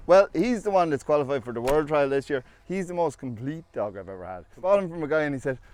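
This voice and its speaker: A man's voice: fairly high pitch, animated, fast talker, darkish tone. An Irish man who farms sheep, explaining his dog work casually with wry, colloquial storytelling out in open fields. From Ireland. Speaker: sheep farmer and sheepdog handler. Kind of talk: casual explanation while working dogs. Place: outdoors in open hill fields. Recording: outdoor recording with clear background noise.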